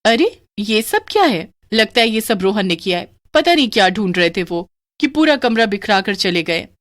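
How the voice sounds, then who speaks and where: A woman voicing a greedy, excitable young wife whose voice goes shrill. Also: moderate pace, no room sound, clean studio sound, lightly acted. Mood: scolding.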